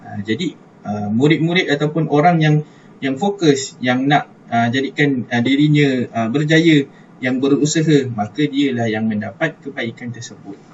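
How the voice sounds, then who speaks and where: A man's voice: medium pitch, moderate pace. A man with a Malaysian Malay accent, a religious studies teacher giving an online class, chatty and repeating words as he thinks aloud. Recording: distant mic, dull lo-fi, faint hiss.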